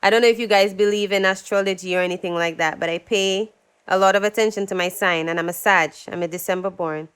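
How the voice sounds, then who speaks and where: This Dominican singer-songwriter, a young adult whose first language is English, talks fast as she shares her story in a casual interview guest spot. Her medium-pitched voice is clear and resonant, and she animatedly acts out what others told her.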